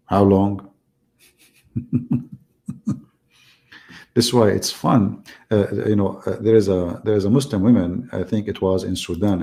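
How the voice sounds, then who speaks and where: A man's voice: low-pitched, creaky, mellow. A man with an Arabic accent hosts a heated live-stream debate, repeating himself and talking over the caller. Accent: Middle Eastern Arabic. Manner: repetitive, interrupting, emphatic.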